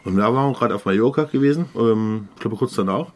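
A man's voice: on the low side, fast. A middle-aged man with a Saxon German accent, co-hosting a casual podcast and telling rambling anecdotes with many fillers. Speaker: podcast co-host, DJ. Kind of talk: casual chat.

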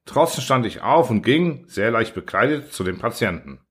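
A man reading a humorous first-person short story aloud in a wry, expressive style. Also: mid-range voice, normal speed. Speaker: audiobook narrator.

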